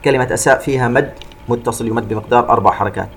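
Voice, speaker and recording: A man teaching Quran recitation rules, chanting verses slowly and then explaining each rule in a quicker, plain voice. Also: mid-range voice, slightly rough.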